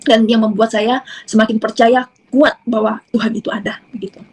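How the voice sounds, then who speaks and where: A woman from South Sulawesi with a Bugis accent, giving a halting, unhurried personal testimony. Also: fairly high pitch, little pitch movement, darkish tone, husky, low-quality recording.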